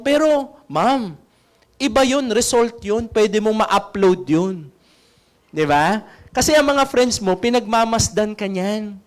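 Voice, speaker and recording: A man giving a seminar talk as a sales trainer, coaching and keeps asking the audience questions. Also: sits high.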